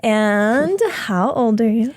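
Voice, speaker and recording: A woman hosting a podcast, upbeat and chatty, with frequent quick "yeahs" as she interviews a guest. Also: on the high side, a little mellow, no echo. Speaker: podcast host.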